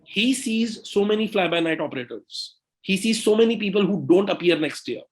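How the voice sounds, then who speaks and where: A man from India, a company CEO, talking through business stories in an interview, with quick bursts and frequent "right?" and "you know". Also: high voice, expressive. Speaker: co-founder and CEO, podcast guest. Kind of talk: conversational interview storytelling.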